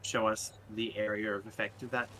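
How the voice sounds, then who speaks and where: A man's voice: lowish voice, level tone, fairly quick, a bit bright, a little hiss or hum. An Australian man playing a tabletop game, hesitating with many ums as he decides his moves. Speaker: player.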